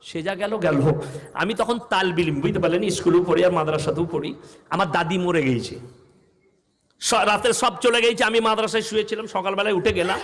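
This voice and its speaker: Male preacher, high voice, storytelling sermon, quotes villagers in their voices, long echo. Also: brisk, a bit bright. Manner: fires rhetorical questions at the audience. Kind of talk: humorous religious sermon. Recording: long hall reverb.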